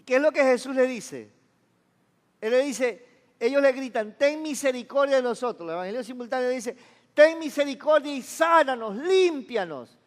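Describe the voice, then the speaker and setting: Male pastor, high voice, chatty sermon delivery, long church reverb. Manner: conversational preaching, asks the congregation for agreement.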